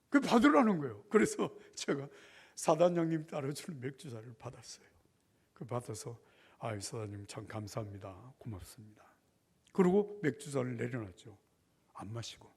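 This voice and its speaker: An older man, a pastor, telling a story in a revival sermon with lively acted dialogue. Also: on the high side, normal speed, creaky, breathy edge.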